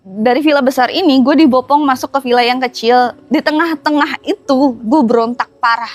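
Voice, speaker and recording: A young woman with a Jakarta accent casually recounting a story as a guest, chatty and laughing, often halting on fillers. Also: high voice. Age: young adult.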